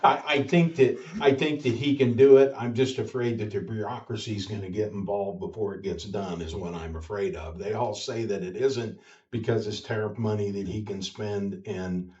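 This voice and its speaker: Folksy American man, low voice, muffled distant mic. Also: steady tone, moderate pace, darkish tone. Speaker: show host. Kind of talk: casual opinionated chat. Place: home basement.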